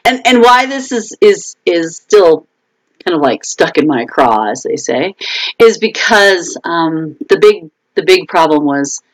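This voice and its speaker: A woman's voice: lowish voice, lively intonation, measured pace, poor audio. A woman author chatting casually on her own live video stream, talking through frustrations with fillers and restarts.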